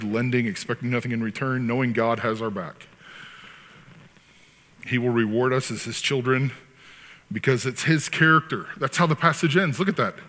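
A man's voice: mid-range voice, fairly bright tone, big-room sound, slight background noise. A man preaching a sermon in a conversational way, with sarcastic asides and acted-out quotes. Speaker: pastor.

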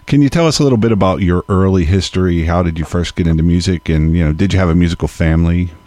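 Low-voiced male podcast host. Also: mellow, dry recording. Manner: measured, polite, announces tracks. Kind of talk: radio-style interview hosting.

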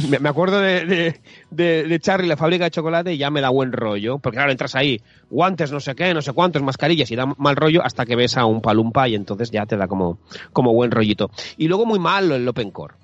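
A man's voice: medium pitch, animated, no echo, highs cut off. A man co-hosting a casual chat, reading out viewer comments in a playful, agreeable way. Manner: playful, quick agreement, laughs often.

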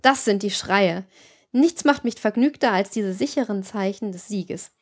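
A woman's voice: medium pitch, unhurried, natural voice. A woman voicing a cynical, hard-hearted older female gang leader, lecturing with scorn. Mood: scornful.

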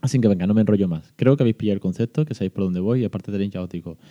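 A man hosts a parenting podcast, with a low and very dark voice. He talks in a chatty, patient way, full of fillers and restarts as he explains. The recording sounds dull and lo-fi. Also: racing. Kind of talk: casual reflective monologue.

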